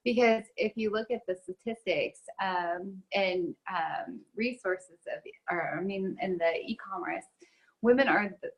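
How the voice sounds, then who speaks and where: A woman's voice: medium pitch, measured pace, breathy edge, muffled recording. A woman guest in a casual interview, chatting with frequent ums and uhs. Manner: talks with many ums and uhs.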